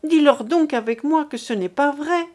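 A woman reading aloud as a desperate mother imploring men to spare her son, in an impassioned, high voice. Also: moderate pace, darkish tone, natural voice. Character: desperate pleading older mother.

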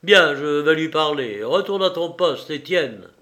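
A man reading aloud and voicing a composed, commanding gentleman who speaks firmly and with dry irony. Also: fairly high pitch, animated, a little slow. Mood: ironic command. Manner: firm, sardonic, raised voice. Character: cool, commanding gentleman hero, ironic. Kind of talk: audiobook reading.

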